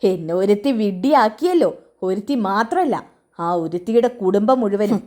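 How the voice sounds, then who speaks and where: A woman voicing a stern, bitter middle-aged man who gives gruff orders to his companion. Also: medium pitch, lively intonation, moderate pace, a little mellow, close to an everyday voice.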